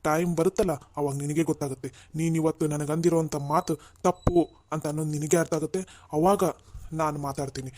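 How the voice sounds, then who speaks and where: A man's voice: fairly high pitch, fairly even intonation, a little fast, a little mellow, natural voice. A man voicing a wealthy, proud and stubborn middle-aged father in a cartoon, switching between indignant and pleading. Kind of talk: Kannada cartoon voice acting.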